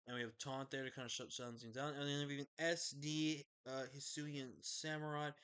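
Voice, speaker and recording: Sleepy, bright-voiced game commentator man. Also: fairly high pitch, clean tone. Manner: chatty, loose, with fillers and self-corrections. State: sleepy, yawning late at night. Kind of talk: casual gameplay commentary.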